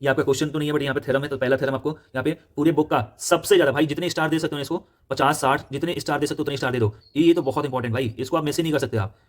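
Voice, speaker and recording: A young man with an Indian accent, a maths tutor giving a brisk, directive textbook walkthrough, repeating his instructions and correcting himself as he goes. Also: on the high side, fairly even intonation. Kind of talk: fast textbook walkthrough lesson.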